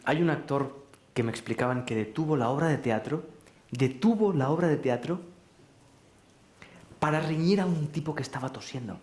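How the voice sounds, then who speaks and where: A man with a fairly high voice gives a live talk in a large hall, and his words ring with a roomy echo. He keeps putting rhetorical questions to his listeners and gently teases them. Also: normal speed, pauses often, slight background noise. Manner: questioning, rhetorical, teasing the audience. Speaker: speaker at a public lecture. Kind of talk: live spiritual talk to an audience.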